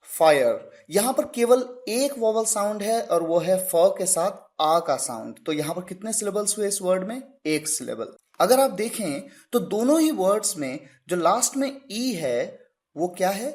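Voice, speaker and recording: Male grammar teacher, animated and up-and-down delivery, quizzes then answers himself, spells out words. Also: high-pitched, measured pace. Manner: poses questions and answers them himself. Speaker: English teacher. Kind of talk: grammar lesson.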